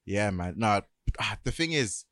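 London roadman-style young man, bright and forceful. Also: lowish voice, expressive, measured pace, no echo, clean studio sound. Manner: roadman slang, urban London street talk. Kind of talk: casual podcast banter.

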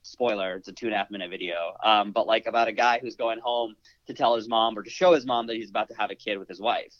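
A man's voice: on the low side, steady tone, fast, a bit bright, dry recording, lo-fi sound. A man hosting a casual conversation, talking enthusiastically with filler likes.

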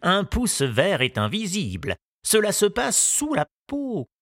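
A man voicing a kindly, wise old male gardener in an audiobook, musing slowly and confidingly. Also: high voice, huge pitch swings, fairly bright tone, no room sound, clean studio sound, pitched above the performer's own voice, exaggerated voice. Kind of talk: audiobook character reading.

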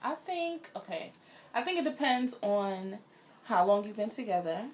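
A young woman co-hosting a podcast, giving relaxed, thoughtful relationship views in casual chat. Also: medium pitch, normal speed, slight background noise. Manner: relaxed, reflective advice-giving. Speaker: podcast co-host.

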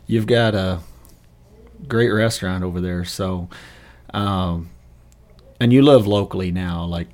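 A man's voice: sits low, a little slow, long pauses, darkish tone. A man hosting a conversational podcast interview, asking questions and giving frequent encouraging affirmations. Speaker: insurance agent, podcast host.

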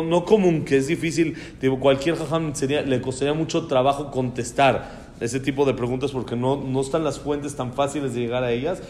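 A man's voice: medium pitch, a little mellow, slight background noise. A man giving an informal Torah class, speaking in an admiring way that repeats phrases and often restarts.

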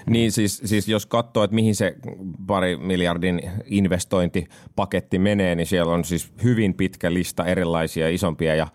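A man with a very low voice talks through policy points in a relaxed, analytical way. He thinks out loud, filling gaps with small verbal fillers. The sound is close and dry. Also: few pauses, dry recording. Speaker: discussion participant. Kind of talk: casual policy discussion.

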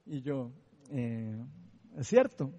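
A man's voice: mid-range voice, very animated, extremely slow, warm tone, in a large hall, dull audio. A man with a Costa Rican accent preaching a sermon testimony, telling a story and often asking the listeners for agreement.

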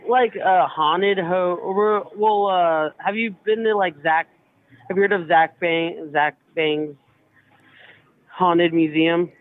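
A young man working as a hotel employee speaks on the phone in a casual, hesitant, informal way, full of fillers. His voice is high with a steady tone and slow pace. The line is tinny and narrow.

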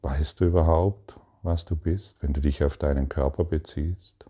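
A man giving a calm, meditative spiritual talk, speaking to the listener directly and asking probing questions in halting phrases. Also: rumbling low. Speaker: spiritual teacher.

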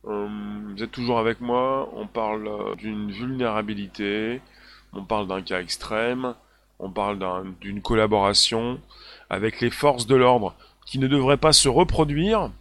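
A man's voice: fairly low pitch, a little slow, a bit bright. Emphatic man hosting a live stream. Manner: emphatic, repetitive, many fillers. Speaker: livestream host. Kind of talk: live stream chat, reading viewer comments.

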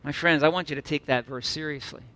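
Male preacher, middle-aged, slightly high, bright voice, emphatic with sudden quiet drops. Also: steady tone. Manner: earnest, emphatic, with slow repeated phrases and sudden soft drops. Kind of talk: sermon.

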